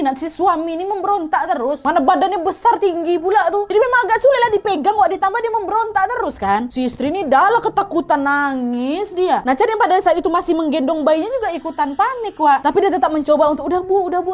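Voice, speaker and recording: A woman telling a horror story casually, like a chat with friends. Her voice is high and her pace quick, and she keeps speaking directly to her listeners. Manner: chatty, addresses listeners directly.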